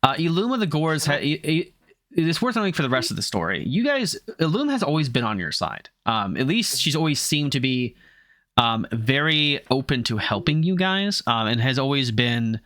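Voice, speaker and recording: Halting male game master. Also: mid-range voice, sing-song, fairly bright tone, dry recording. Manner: halting, many fillers and restarts. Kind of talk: narrating a homebrew tabletop game.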